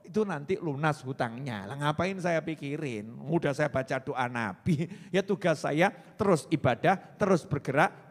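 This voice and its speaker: Guy preaching, high voice, jokey, echoey big hall. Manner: joking, animated, mixes Javanese phrases, talks with audience. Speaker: Islamic preacher. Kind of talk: humorous religious sermon. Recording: long hall reverb.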